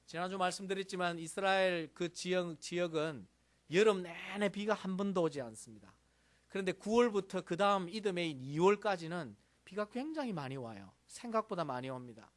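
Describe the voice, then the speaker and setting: Man preaching, somewhat high voice. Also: animated. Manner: measured, explanatory preaching. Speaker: pastor. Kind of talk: sermon.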